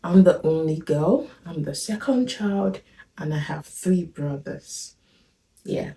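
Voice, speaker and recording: A Nigerian-accented woman in her thirties chats casually on a family vlog, laughing often. Her low, dark voice is animated but slow. She's recorded from a distance in an echoey room.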